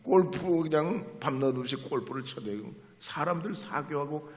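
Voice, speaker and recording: Animated preaching man in a reverberant church. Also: fairly high pitch, moderate pace. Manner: animated, swings between quiet asides and loud emphatic preaching; chats with the congregation, asks them to repeat after him. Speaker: pastor. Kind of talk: sermon. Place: church sanctuary. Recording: long hall reverb in a church.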